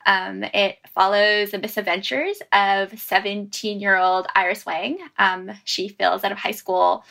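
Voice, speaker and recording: Bubbly woman with a bright, gravelly voice. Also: mid-range voice, fairly even intonation, unhurried. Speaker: author and panelist. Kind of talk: casual panel discussion.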